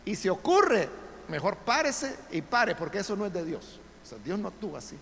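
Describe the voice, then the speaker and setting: Emphatic high-pitched preacher, gravelly. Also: male voice, very animated, normal speed, a bit bright. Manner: emphatic preaching with rhetorical questions, addressing listeners directly. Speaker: pastor. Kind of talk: sermon. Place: church sanctuary. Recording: long church reverb, faint background ambience.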